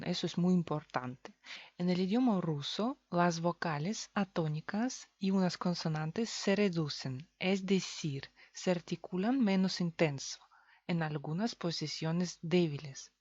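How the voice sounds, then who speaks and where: A woman from Russia speaking Spanish with a Russian accent, teaching a language lesson, explaining slowly and repeating example words. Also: lowish voice, darkish tone, no room sound, highs cut off.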